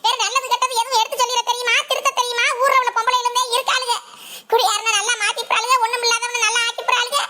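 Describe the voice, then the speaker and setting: A woman's voice: very high-pitched, level tone, racing, sharp tone, slight background noise. A woman voicing an old village grandmother in a cartoon, with a southern Tamil village accent, wailing and scolding in a laughing, lamenting way. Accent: southern Tamil Nadu village Tamil. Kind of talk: cartoon voice acting.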